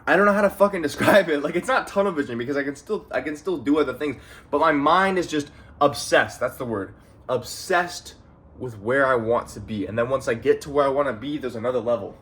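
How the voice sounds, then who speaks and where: Speaking on the high side, a Canadian young adult in his late teens vlogs from home, addressing the camera casually and with profanity. It's a rambling motivational monologue where he often repeats phrases and keeps saying "bro."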